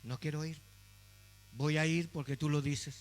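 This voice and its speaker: A man's voice: very high voice, steady tone, measured pace, gravelly, sharp tone, voice pushed up, exaggerated voice. A man voicing a reluctant, grumbling prophet who complains while giving in, recorded in an echoey hall with a faint hum.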